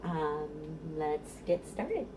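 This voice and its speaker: A children's librarian leads a storytime for babies and toddlers, playful and encouraging, offering tips and chanting rhymes. Her low, sing-song voice moves extremely slowly, recorded from a distance with poor audio quality.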